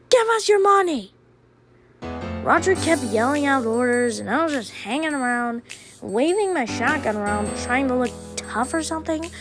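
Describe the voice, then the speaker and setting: A woman telling a first-person diary story in a deadpan, unhurried way. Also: sits high, dry recording.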